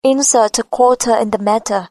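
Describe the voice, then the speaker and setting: A woman voicing a gracious, pregnant Indian accent teacher who slowly drills English tongue-twisters. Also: on the high side, steady tone, darkish tone, no echo, natural voice. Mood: instructive.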